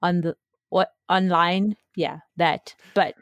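A young South African woman co-hosts a podcast, chatting casually with lots of fillers and laughter. Her voice is lowish and steady, her pace slow, and there's no room sound.

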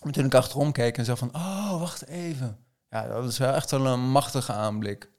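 A man's voice: medium pitch, fairly even intonation, a little fast, a little mellow. A man casually recounting his experiences as a trail runner, acting out his own thoughts as he tells it. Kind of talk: casual conversational storytelling.

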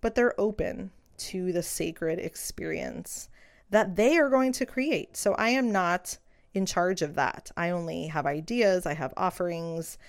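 Gravelly low-voiced woman, earnest and unhurried. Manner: earnest, unhurried, with soft fillers. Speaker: midwife. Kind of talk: reflective solo podcast talk.

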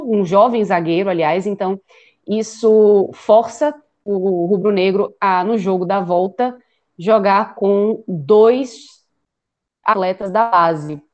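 A woman hosting a sports podcast, recapping a match informally and sometimes halting as she searches for words. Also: medium pitch, darkish tone. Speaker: podcast host.

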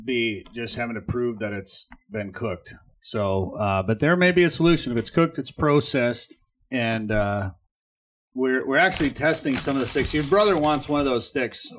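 Middle-aged male host, mid-pitched, upbeat, steers the chat. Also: moderate pace, a bit bright, slight background noise. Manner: upbeat, leads the conversation. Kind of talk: casual chat.

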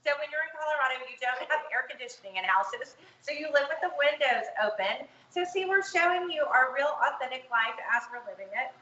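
A woman with a high, bright, pushed voice and lively intonation talks fairly quickly, barely pausing. She hosts a chatty interview show from home, indoors with the windows open, sounding effusive and enthusiastic. The room is echoey and the audio muffled, with faint background noise.

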